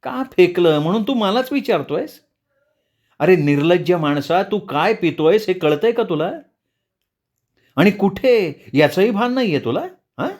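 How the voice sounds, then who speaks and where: A man voicing an older mother in a storybook, scolding her son with shrill, indignant questions. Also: animated, unhurried, a little mellow. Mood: angry.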